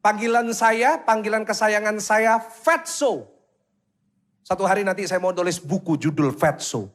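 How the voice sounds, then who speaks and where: A man with a fairly high voice delivers a lively sermon in with a lilt. He preaches animatedly, firing questions at the congregation and briefly acting out voices to make his point. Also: moderate pace. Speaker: pastor.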